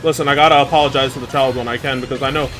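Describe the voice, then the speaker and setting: A man's voice: mid-range voice, fairly even intonation, racing, faint music behind. Cussing New York gamer guy. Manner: swears a lot, laughs, reacts loudly. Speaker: streamer. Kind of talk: casual chat while gaming.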